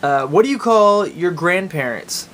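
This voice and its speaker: A man with an Oklahoma accent chatting casually and informally as a video blogger. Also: measured pace. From Oklahoma, United States. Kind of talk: casual chat to camera, answering accent tag questions. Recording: steady background noise with low rumble.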